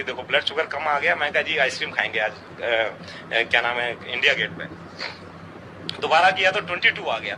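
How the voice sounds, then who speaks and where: A middle-aged man earnestly recounting a devotional experience, quoting others in dialogue. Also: on the high side. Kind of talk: storytelling testimony. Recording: outdoor traffic noise behind.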